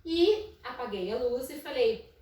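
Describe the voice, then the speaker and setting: A Brazilian woman with a naturally loud, fairly high voice shares her school experience as a psychologist. She tells it as a story and keeps checking in with the listener with "né?". The sound is very echoey and a little distant, with faint room noise behind her. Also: lively intonation, measured pace. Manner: storytelling with frequent "né?" tags and soft laughs. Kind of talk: casual educational talk.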